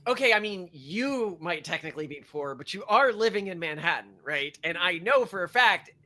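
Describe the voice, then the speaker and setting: Sitting high and sounding pushed and bright, the man's voice is expressive at normal speed. He's a podcast co-host in casual opinionated chat, rambling with sarcasm and reading off a list of facts.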